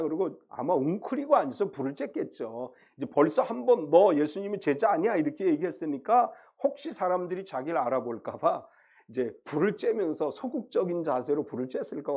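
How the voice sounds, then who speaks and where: A man's voice: a little high, vocal fry, husky. A man preaching a sermon as pastor, retelling a Bible story and acting out the voices in it. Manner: acts out quoted voices of Peter and Jesus, swinging loud to soft.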